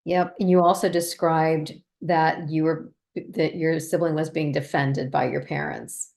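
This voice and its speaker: A woman's voice: low voice, steady tone, a little slow, creaky, a little mellow. A woman hosting a panel discussion, a parent, speaking reflectively and conversationally. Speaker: host, parent.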